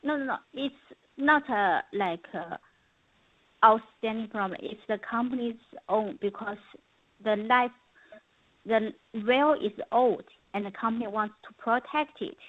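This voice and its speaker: Over a dull, lo-fi conference phone line, a native Mandarin speaker with a Chinese accent represents her company, answering questions and interpreting. Her voice is fairly high and her pace measured, and there is no echo.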